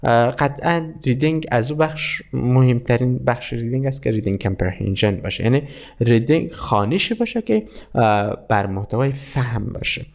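A man teaching an English lesson, explaining in Persian and reading English text aloud very slowly. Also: medium pitch, animated, creaky. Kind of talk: language lesson.

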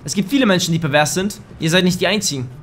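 A young man giving crude, excitable let's play commentary in a slightly hoarse voice, now and then bursting into shouts. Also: high voice, fast. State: a bit hoarse. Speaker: gaming YouTuber. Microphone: desk microphone.

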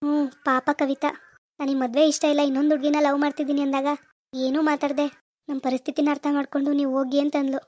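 A woman's voice: high voice, flat delivery, quick pace, darkish tone, dry recording, close to an everyday voice. A woman voicing a worried, regretful young husband in a cartoon. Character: remorseful young husband Satish.

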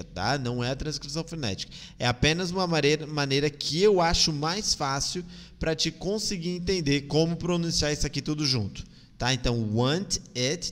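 Brazilian teacher, patient drills, long reverb. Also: male voice, fairly high pitch, a bit bright. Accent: Brazilian Portuguese. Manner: patient, repeats phrases slowly and drills pronunciation. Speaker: English teacher. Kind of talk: live online English lesson.

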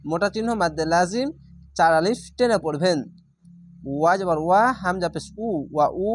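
A Quran reading teacher who spells each word out syllable by syllable and then chants it slowly, with calm explanations in between. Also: medium pitch, no room sound. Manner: calm instructive explanations between recited words. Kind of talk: step-by-step recitation lesson.

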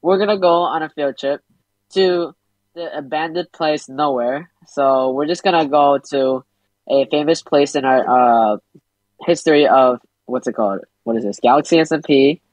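A woman's voice: low-pitched, moderate pace, a little mellow, no room sound, poor audio. A woman leading a group tour in casual gameplay voice chat, bossy and herding everyone along. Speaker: tour leader in a game server.

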